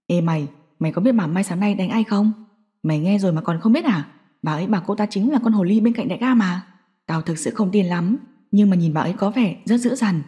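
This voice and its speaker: A woman's voice: medium pitch, brisk, warm tone, pitched below the performer's own voice, natural voice. A woman voicing a crude, gossipy young male gang underling in an audio story. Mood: gossiping.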